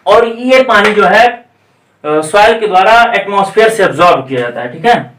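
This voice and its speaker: High-voiced male teacher in an echoey classroom. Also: expressive, fairly bright tone, far from the mic. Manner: explains step by step, checking in with repeated "theek hai"; mixes in English technical terms and dictates definitions slowly. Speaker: exam coaching teacher. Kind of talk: classroom lecture. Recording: echoey room, voice off-mic.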